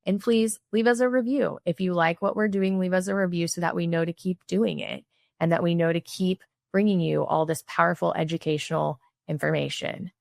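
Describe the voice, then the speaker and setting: A Missouri podcast host in middle age talks briskly in a fairly low, steady voice with vocal fry. Conversational and quick to drop "like" and "right?", she runs a casual interview and wraps with a sign-off, in echo-free studio-quality audio.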